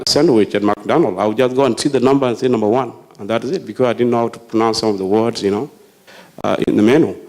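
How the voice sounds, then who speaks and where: Halting low-voiced man from South Sudan. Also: darkish tone. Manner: halting, many "you know" fillers. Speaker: forum participant. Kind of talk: public remarks at a community forum.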